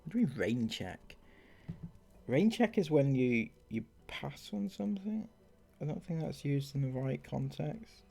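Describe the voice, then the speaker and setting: Sing-song and husky, with vocal fry and a dark tone at medium pitch, a man runs a commentary channel where he ridicules viewer comments he reads out. His delivery is drawn out, sarcastic, and full of laughter.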